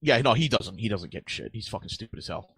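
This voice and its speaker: A man's voice: on the low side, expressive, fast, creaky, fairly bright tone. A man talking casually and profanely in an incredulous, exclamatory way while commenting in a group chat. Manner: incredulous, exclamatory, often laughing.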